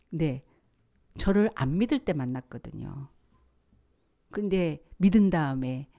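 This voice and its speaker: A middle-aged woman pastor giving a sermon in an animated storytelling manner. She acts out quoted voices and swings from soft asides to loud calls. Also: fairly low pitch. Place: church sanctuary.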